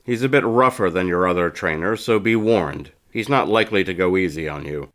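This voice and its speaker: A man's voice: sits low, fairly quick, a bit bright. A man reading an audiobook as a terse male captain, curt and matter-of-fact.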